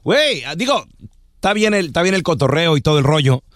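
Teasing radio host with a high voice. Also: male voice, sing-song, a little fast, a bit bright, no echo, clean studio sound. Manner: teasing, joking, jumps into put-on voices. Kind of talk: comic radio chat. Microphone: studio mic.

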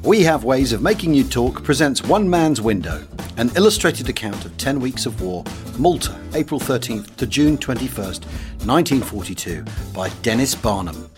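A British man reads a memoir audiobook in a medium-pitched voice, with music playing in the background. His narration is measured yet expressive, carrying a dramatic first-person feel.

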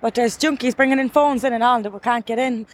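A woman's voice: fairly high pitch, quick pace. A young woman with an Irish accent, indignant and blunt, answering in an informal street interview. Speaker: prison visitor being interviewed. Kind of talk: informal vox-pop interview. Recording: outdoor interview with traffic noise.

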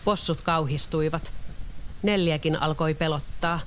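A narrator reading a children's storybook aloud in a steady, clear manner. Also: mid-range voice, a little hiss or hum.

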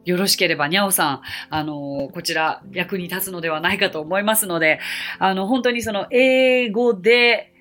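A woman hosting a podcast as an English teacher, answering listener mail in a polite, chatty way and repeating English phrases slowly for practice. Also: mid-range voice, a bit bright, soft background music.

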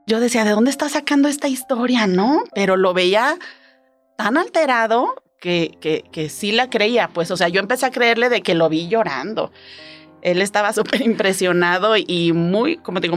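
A woman from Guadalajara with a Mexican accent, telling a personal story in an expressive, conversational way and often tagging her sentences with little questions. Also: mid-range voice. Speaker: storyteller guest.

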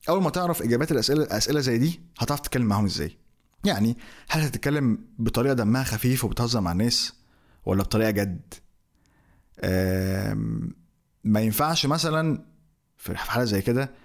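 A young man with an Egyptian Arabic accent teaching marketing in a conversational way, asking himself questions as he goes. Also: mid-range voice. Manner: conversational, explains with rhetorical questions. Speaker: marketing instructor. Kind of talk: educational talk to camera.

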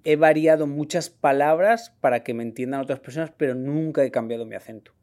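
A man's voice: mid-range voice, fairly quick, darkish tone. A man in an easy, mid-range voice hosts a casual interview. He is talkative and friendly. He teases his guest now and then. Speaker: podcast host, interviewer.

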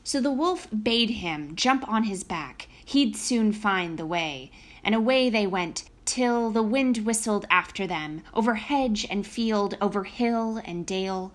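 A woman storyteller giving an expressive narration of a fairy tale. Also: medium pitch, a little slow, hardly any pauses.

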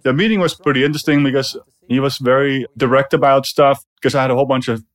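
A man interviewed as a designer looks back on his past work in a casual, informal way, phrasing things loosely and often quoting dialogue. His voice is medium-pitched and steady, and he talks fast.

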